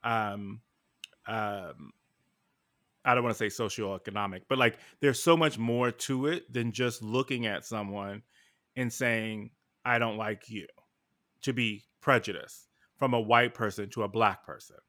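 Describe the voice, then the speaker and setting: A man's voice: on the low side, fairly even intonation, unhurried, bright, forceful tone. An American man co-hosting a casual podcast, talking thoughtfully and hesitantly with many fillers. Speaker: podcast co-host.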